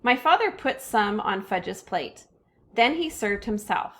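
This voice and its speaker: A woman reading a children's chapter book aloud with expressive character voices. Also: medium pitch, unhurried. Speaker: reader.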